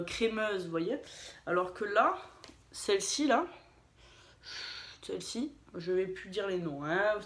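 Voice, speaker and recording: A woman chatting casually in a beauty vlog, hesitant, with many fillers and restarts, poking fun at herself. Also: on the low side. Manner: chatty, self-deprecating. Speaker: beauty vlogger. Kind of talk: casual haul and swatch video. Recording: echoey room.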